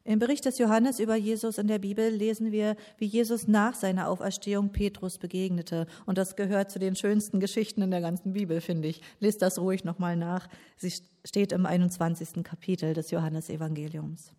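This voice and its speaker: A woman's voice: mid-range voice, fairly even intonation, fairly quick, few pauses, warm tone. A woman preaching a sermon to young people, talking personally and addressing listeners directly.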